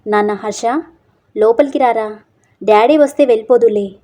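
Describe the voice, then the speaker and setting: A kind older woman who runs an orphanage, played by a woman narrator. She speaks softly and patiently, coaxing rather than scolding. The voice is a little higher than usual. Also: moderate pace, close to an everyday voice. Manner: soft, coaxing tone.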